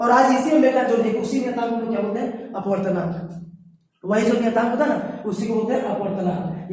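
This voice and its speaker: A woman's voice: a little high, mellow. A woman, teaching a science class at a board, who keeps asking questions and answering them herself. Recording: echoey room from far off.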